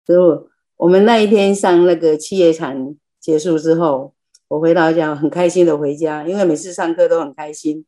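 Mellow-voiced woman telling a story. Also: sits low, fairly even intonation, moderate pace. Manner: chatty, storytelling, self-deprecating. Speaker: lay practitioner sharing. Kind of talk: personal testimony in a group class. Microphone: video call.

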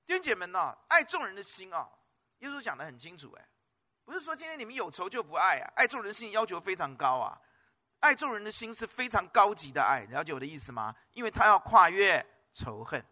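High, lively, bright-voiced male pastor preaching. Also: fast. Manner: emphatic, with repeated words and rhetorical questions. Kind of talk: sermon.

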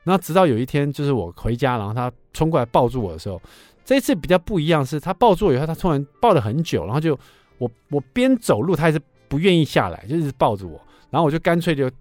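A man, hosting a radio show and telling a story in a chatty, lively way. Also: on the high side, fast, no echo, faint music behind. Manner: lively, chatty, asks listeners for agreement. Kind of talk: casual storytelling on talk radio. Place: radio studio.

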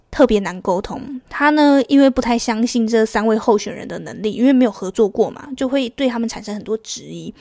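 A woman's voice: a little high, a little mellow, dry recording, clean studio sound. A woman with a Taiwanese Mandarin accent hosting a casual solo podcast, chatty and storytelling, with many fillers. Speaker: podcast host.

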